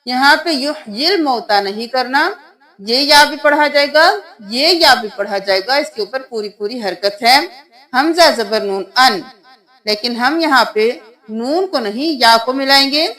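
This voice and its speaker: A woman teaching tajweed, spelling out letters syllable by syllable and reciting verses in a slow, drawn-out, melodic way, with patient explanations. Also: sits high, lively intonation, sharp tone. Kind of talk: tajweed lesson.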